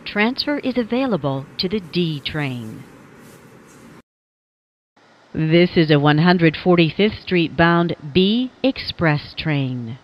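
A woman giving formal, automated train announcements whose words are spliced together from separate recordings. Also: takes it slowly. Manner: clipped, even, formal delivery. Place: subway train carriage. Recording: lo-fi train speaker with faint rumble.

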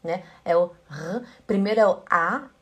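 A woman teaching German pronunciation in a casual video lesson, patiently repeating each word slowly. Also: lowish voice, a bit bright.

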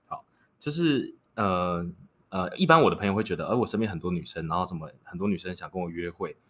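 A man's voice: deep voice, quick pace, fairly bright tone, a little hiss or hum. A man in his twenties chatting casually and cheekily about relationships as a podcast guest. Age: 20s. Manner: joking, cheeky.

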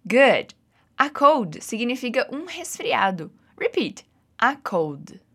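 Brazilian-accented woman English teacher; patient, encouraging, animated pitch. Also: slow pace, breathy edge. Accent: Brazilian Portuguese. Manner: patient, encouraging, drills repeats. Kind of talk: guided language lesson.

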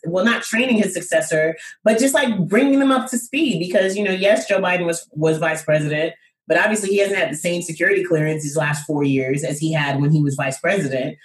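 A young adult woman, co-hosting a podcast in casual chat, animated and quick to laugh. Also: lowish voice, a little hiss or hum. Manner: animated, laughs often, lots of "like" and "bro". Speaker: podcast co-host. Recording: roomy echo.

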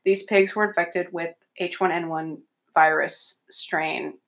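Young woman, podcast host, casual and chatty, quick to laugh, jokey, recorded at home in a bedroom. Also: lowish voice, fairly even intonation. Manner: chatty, laughs often, joking. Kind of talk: casual chat.

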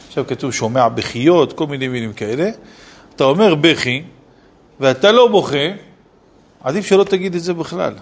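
A man, a city rabbi, giving a Torah lesson and firing off rhetorical questions with scolding asides. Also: medium pitch. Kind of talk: Torah lesson on Selichot laws.

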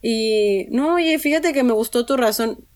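A woman chats in a relaxed, talkative way. She laughs easily and stops to restart her thoughts. Her voice sits a little higher than most women's. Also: unhurried. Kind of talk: casual chat.

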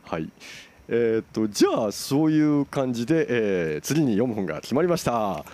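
A man's voice: medium pitch, expressive, moderate pace, dark tone. A man hosting a casual book club podcast, calling on each member in turn and tallying votes. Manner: chairs the meeting, calls on each member in turn. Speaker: host.

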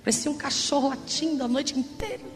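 A woman pastor preaching a sermon in an animated, theatrical way, acting out everyday examples. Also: high voice, fast talker, a little hiss or hum. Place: church service. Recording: long church reverb, music behind.

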